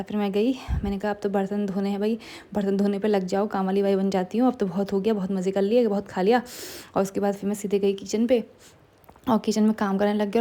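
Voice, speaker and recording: A woman rambles through her day for her vlog, amused at herself. She talks quickly and sounds sleepy, with a mellow, dark tone. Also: medium pitch. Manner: rambling, self-amused storytelling with many fillers. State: sleepy, low on energy. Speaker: vlogger. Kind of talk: casual chatty vlog narration.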